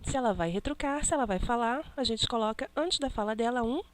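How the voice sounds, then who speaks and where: A woman teacher slowly correcting a classroom exercise, stressing each punctuation mark she names. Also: on the high side, a little hiss or hum.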